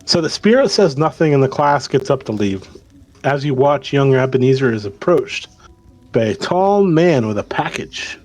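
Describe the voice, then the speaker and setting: A man's voice: mid-range voice, big pitch swings, normal speed, a little mellow. A man narrating a tabletop role-playing game as game master, mixing story narration with casual rules talk.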